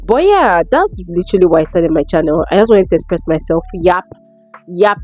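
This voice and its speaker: Faint music plays behind this Lagos-born young woman as she chats casually to camera, responding to viewers' questions. She speaks with a Nigerian accent in a low, lively, brisk and slightly mellow voice, repeating herself informally for emphasis.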